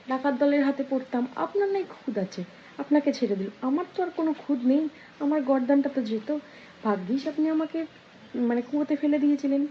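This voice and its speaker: Woman vlogger, high voice, lively storyteller, dull lo-fi sound with faint hiss. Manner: lively retelling of a folk tale, acting out the characters' lines. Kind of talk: casual storytelling.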